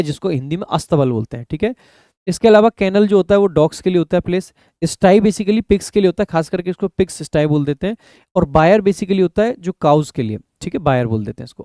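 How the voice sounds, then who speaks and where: A man teaching exam vocabulary online, explaining in Hindi and reading English definitions slowly, letting his voice sink at phrase ends. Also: dark tone, no room sound. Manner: drops pitch and volume at the ends of phrases; addresses viewers as "mere bhai".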